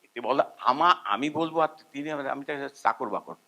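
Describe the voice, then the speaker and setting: An older musician speaks at normal speed in a medium-pitched voice during an informal seminar. The talk wanders, and he keeps it animated and self-deprecating, now and then humming melodies.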